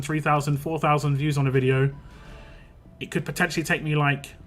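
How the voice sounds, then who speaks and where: A young man from West London talks casually during a gaming stream, rambling quickly and restarting often, full of fillers. His voice sits on the high side and is a bit bright.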